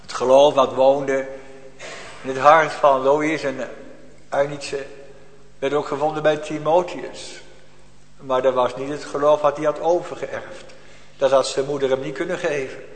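A man preaching a sermon, swinging from loud pleading cries to hushed near-whispers and drawing out stressed phrases slowly. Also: medium pitch, level tone. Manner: slow, drawn-out stressed phrases. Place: church. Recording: echoey church hall with long reverb.

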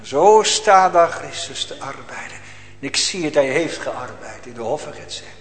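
A man preaches a sermon in a high, lifted voice. He swings from loud declaiming down to hushed near-whispers. His words ring out through a church hall with a long echo. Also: expressive, normal speed. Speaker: pastor.

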